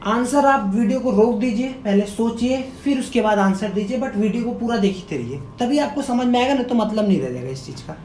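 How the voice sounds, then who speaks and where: A male teacher giving a grammar lesson, quizzing his viewers by repeating key words as questions and sounding words out slowly. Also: lively intonation, a little mellow. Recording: echoey room with faint rumble.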